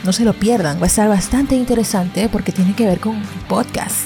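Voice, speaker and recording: A woman's voice: mid-range voice, moderate pace, warm tone, faint music behind. A woman hosting her own podcast, giving casual advice in a chatty way and correcting herself as she goes. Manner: chatty, restarts and self-corrections. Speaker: podcast host.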